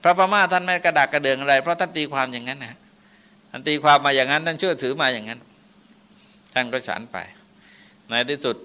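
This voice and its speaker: Older monk preacher, folksy dharma talk, bright tone, chants verses. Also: male voice, mid-range voice, fast, long pauses, clean tone. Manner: folksy, laughing asides, chanting Pali verses. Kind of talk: dharma sermon.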